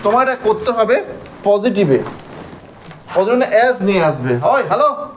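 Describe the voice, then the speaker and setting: Animated, high-voiced Bengali teacher. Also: male voice, unhurried, a little hiss or hum. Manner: questions students by name, drawls words out to show syllables. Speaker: English teacher. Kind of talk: classroom grammar lesson.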